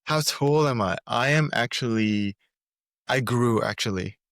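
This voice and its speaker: A man's voice: mid-range voice, a little slow, a bit bright, dry recording, clean studio sound. A man from Singapore, a musician, answering interview questions in an easygoing, hesitant way, often restarting his phrases. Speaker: musician guest. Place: Seoul, recording remotely.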